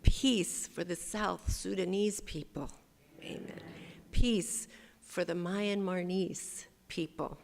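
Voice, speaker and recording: A woman's voice: on the low side, slow, gravelly, in a large hall. A woman pastor giving a sermon, speaking emphatically and leading the congregation in call-and-response. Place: church sanctuary.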